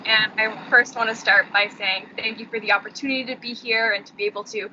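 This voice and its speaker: A woman's voice: fairly high pitch, steady tone, fast talker. Young woman on a crackling, cutting-out mic. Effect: crackling mic audio that cuts in and out. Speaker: graduate student guest speaker. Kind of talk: prepared thank-you remarks. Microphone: remote video call mic. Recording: dull, noisy video call audio.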